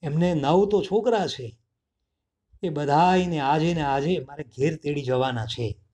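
A man voicing a clever little male mouse child in a storybook reading, sounding excited and pleading. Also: fairly high pitch, a little slow, close to an everyday voice.

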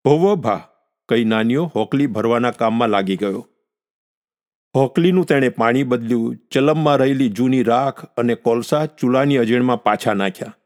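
Calm male storyteller reading. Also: medium pitch. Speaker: narrator.

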